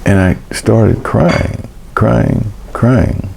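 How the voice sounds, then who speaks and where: An older man hosting a vlog, telling a personal story in a halting, emotional way with many restarts. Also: fairly low pitch, vocal fry, a little mellow, a little hiss or hum. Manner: halting, repeats words and restarts; emotional recollection. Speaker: vlog host.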